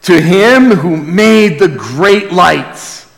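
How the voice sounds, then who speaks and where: Speaking extremely slowly, a man with a high-pitched voice and vocal fry preaches animatedly in a large church hall, reading scripture emphatically and reverently to the congregation. The live sermon is amplified, and the hall's reverb is strong.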